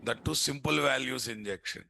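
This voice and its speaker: A man's voice: mid-range voice, moderate pace, creaky, pushed and bright, dry recording. A man with an Indian accent giving a live coding lesson as an instructor, often throwing in rhetorical questions. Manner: asks rhetorical questions, often repeating "what". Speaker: programming instructor. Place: indoors at a computer.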